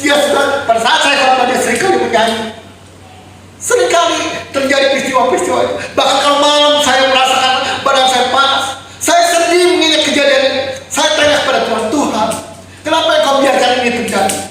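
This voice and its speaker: A man's voice: extremely high pitch, fast talker. A man preaching an emotional sermon, grieving and crying out in anguish as he testifies to his listeners. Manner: grieving, cries out and shouts in anguish; addresses listeners as brothers and sisters. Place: apartment worship room. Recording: very echoey room, distant mic, faint noise.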